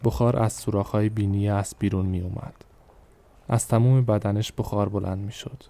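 A man narrating a short story in a measured, descriptive way. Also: on the low side, fairly even intonation, warm tone.

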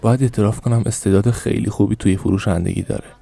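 A man's voice: on the low side, fairly even intonation, creaky, dark tone. A man voicing a cynical middle-aged shop owner in an audiobook, making sardonic muttered asides.

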